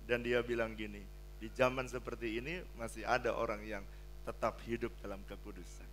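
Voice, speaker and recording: An older man preaching a sermon as pastor, blunt and joking, swinging from hushed pleading to loud exclamations. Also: medium pitch, level tone, brisk, slight background noise. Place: church hall.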